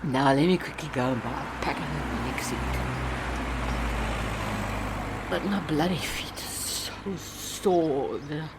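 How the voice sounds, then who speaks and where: Performing a lonely, defiant monologue in a radio play, an ageing, down-and-out South African woman mutters to herself in slow, rambling speech that erupts into feisty bursts. Her voice is low-pitched, her mood grumbling and defiant, and the recording is very noisy.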